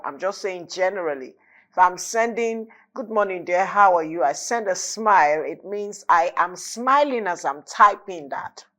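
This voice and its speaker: Reflective woman host, lowish voice. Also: a bit bright. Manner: questioning, reflective, speaks from personal example. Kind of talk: TV panel discussion.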